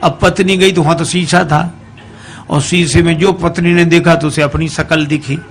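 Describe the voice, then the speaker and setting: A man's voice: on the high side, steady tone, moderate pace. A man preaching a devotional sermon, telling a folk story folksily and breaking into sung verses.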